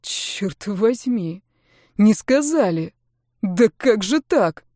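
A woman's voice: mid-range voice, expressive, normal speed, darkish tone, no room sound, studio quality, lightly acted. A woman voicing an indignant middle-aged pianist. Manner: exasperated, indignant. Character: irritated middle-aged male pianist, touchy.

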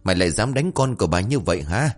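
Scolding old village mother-in-law read by a deep-voiced man, shouty curses, swinging pitch. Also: sing-song, quick pace. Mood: furious.

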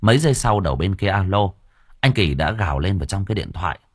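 A man's voice: deep voice, expressive, fast, no echo. A man narrating a comic story as an audiobook reader, close to the mic.

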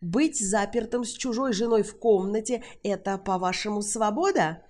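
A woman's voice: medium pitch, expressive, normal speed, a little mellow, voice pushed up, lightly acted. A woman voicing an awkward, prim man who answers stiffly and grows indignant and defensive, in an audiobook reading.

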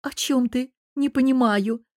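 A woman's voice: high-pitched, a little slow, darkish tone, no room sound, clean studio sound, pitched above the performer's own voice. A woman reading an audiobook who voices a jealous, scheming young woman with a sulky, purring, spiteful manner. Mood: reproachful.

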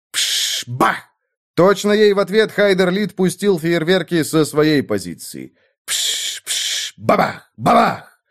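A man reading a battle scene aloud in dramatic, rhythmic clipped phrases. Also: on the high side. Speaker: audiobook narrator. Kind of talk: scripted narration.

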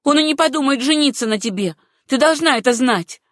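A woman's voice: high voice, expressive, a little fast, fairly bright tone, no room sound, studio quality, pitched above the performer's own voice. A woman reading an audiobook, voicing a curt, jealous young woman who snaps her answers. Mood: angry. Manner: curt, snapping.

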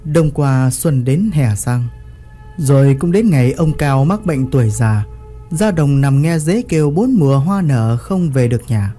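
A man's voice: mid-range voice, warm tone. A man narrating a village story in a vivid, earthy storytelling manner.

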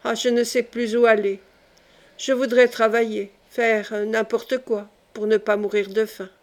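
A woman's voice: a little high, flat delivery, measured pace, lightly acted. A woman reading the part of a poor, humble male railway worker who speaks in a trembling voice. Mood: despairing.

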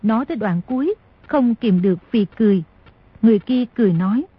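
Woman audiobook narrator, raspy, dull lo-fi dry recording. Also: fairly high pitch, quick pace. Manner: steady storytelling.

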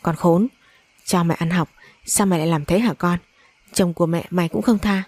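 A woman's voice: on the low side, brisk, a little mellow, natural voice. A woman voicing a harsh middle-aged mother who scolds her daughter, in a storybook reading. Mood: scolding.

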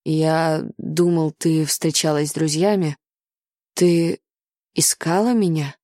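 A bitter, brooding young blind man speaks low and muffled, put on by a woman reading an audiobook. He sounds close and dry, with no room around him. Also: fairly even intonation, slow, dark tone, dry recording. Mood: puzzled.

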